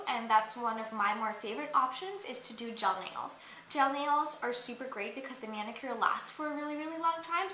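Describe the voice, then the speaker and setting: A young beauty and dance vlogger films a joking makeup tutorial indoors at a mirror, chatting and giggling with lots of fillers. Her voice is slightly high, pushed and bright, and the recording has room echo and a faint hiss.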